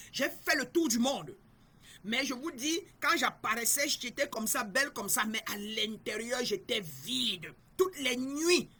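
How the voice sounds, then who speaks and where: A woman's voice: a little high, bright, forceful tone, husky. A middle-aged woman from Cameroon, a spiritual guide giving an emphatic, repetitive teaching talk and speaking straight to her listeners.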